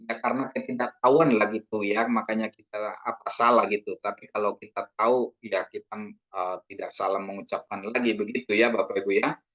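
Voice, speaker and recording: A man from Indonesia teaching a casual Greek language lesson, slowly drawing out words for learners and addressing them politely, with many fillers. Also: on the low side, steady tone. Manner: drawn-out repetition of words, frequent fillers; addresses listeners as ladies and gentlemen.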